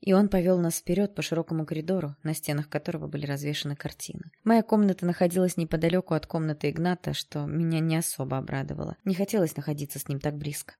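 A woman narrating a first-person audiobook with expressive, emotional storytelling. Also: low voice, fast talker, vocal fry, hardly any pauses.

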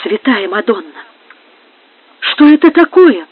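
A woman's voice: on the high side, sing-song, slow pace, slightly rough, no echo, heavily acted. A woman reading the part of a frightened young countess, speaking in a trembling, pleading way. The sound is dry and narrow, like a phone line.

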